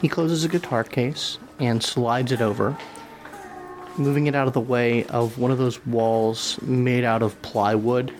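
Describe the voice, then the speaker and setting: A man running a tabletop role-playing game as game master, narrating the scene in a loose, casual way. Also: mid-range voice.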